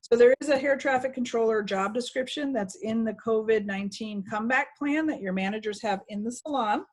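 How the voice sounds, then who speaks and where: This woman's voice sits a little high and moves fairly quickly as she trains staff on a video call, sharing her screen. Her walkthrough is casual, instructive and conversational.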